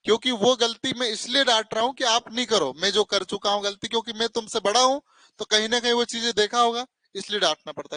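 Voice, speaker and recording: Male coaching teacher, strict and scolding, high-pitched and sharp. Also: no echo, low-quality recording. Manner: stern, scolding, calls students 'beta', asks 'hai na?'. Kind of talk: classroom math lesson. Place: classroom with students and online viewers.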